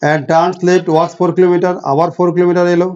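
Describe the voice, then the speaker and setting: A man teaching an online exam-prep class with a Bengali accent, explaining step by step and reading questions slowly in English. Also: sits high, level tone, darkish tone, smooth. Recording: dull lo-fi audio.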